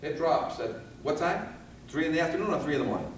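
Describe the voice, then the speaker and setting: A man with a slightly high, expressive voice talks fast while teaching a class of firefighters as a fire safety instructor. He keeps putting questions to the room, answering them himself, and acting out scenes in different voices. The live session is recorded from far off, echoey and with some background noise.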